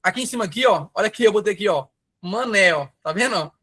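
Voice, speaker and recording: A man's voice: sits high, lively intonation, fast, bright, forceful tone, slightly rough. A man from Brazil, a math teacher giving a live online exam-prep class, chatty and enthusiastic with storytelling asides. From Pará, Brazil. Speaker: math teacher for civil service exams.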